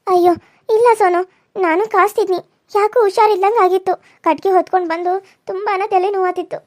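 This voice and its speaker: A woman's voice: very high-pitched, steady tone, fairly quick, a little mellow, dry recording, studio quality. A woman voicing a meek, overworked young daughter-in-law, who talks in a pleading, apologetic way. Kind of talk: cartoon voice acting.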